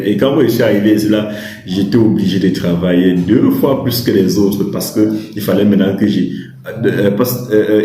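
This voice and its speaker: A man's voice: on the low side, mellow. A man giving casual advice to viewers, rambling with many restarts and fillers. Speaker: YouTuber advising on study in China. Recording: roomy echo.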